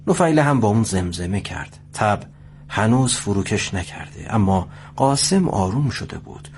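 A man narrating a scripted story at a steady pace. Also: lowish voice, slight background noise.

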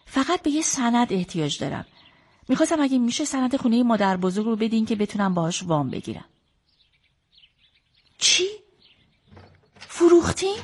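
A woman's voice: a little high, big pitch swings, long pauses, breathy edge. An actress playing a young woman athlete who pleads with her uncle and argues with her mother in a radio drama. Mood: pleading. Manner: pleading and defensive.

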